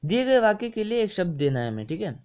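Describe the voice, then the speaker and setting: Brief: young male test-prep tutor, slightly high voice, chatty and repetitive, peppers explanations with English words. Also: sing-song, fast, darkish tone, clean tone. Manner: chatty and repetitive, mixing English words into Hindi, often saying ठीक है. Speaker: exam coaching tutor. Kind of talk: casual screen-share lesson explaining test answers.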